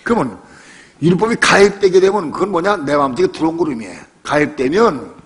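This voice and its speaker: A man's voice: a little high, lively intonation, a little fast, a bit bright. An older man preaching a sermon as pastor, talking conversationally and emphatically, with rhetorical questions, repeated phrases and personal stories.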